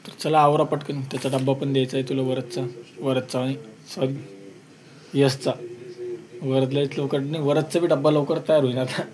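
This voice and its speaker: A man's voice: mid-range voice, little pitch movement, moderate pace, a crowd in the background. A man vlogging casually at home with his family, chatty and coaxing a small child to talk. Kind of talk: casual home vlog chat. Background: background music.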